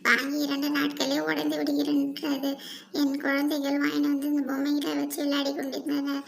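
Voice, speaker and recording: A woman's voice: high-pitched, monotone, a little fast, creaky, a crowd in the background. A woman voicing a scheming female crow who sells broken toys in a cartoon story, with a boastful, plotting manner.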